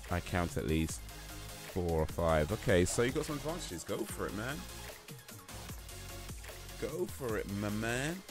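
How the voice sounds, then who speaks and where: A man with a low-sitting voice hosts a livestream, chatting casually with viewers and reading quiz statements aloud. He rambles and hesitates, full of fillers and restarts.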